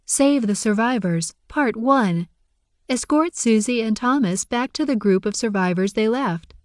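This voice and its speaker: A woman's voice: on the high side, animated, unhurried, a little mellow, dry recording, studio quality. Woman as a formal game system voice. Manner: formal announcement reading. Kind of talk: audiobook narration.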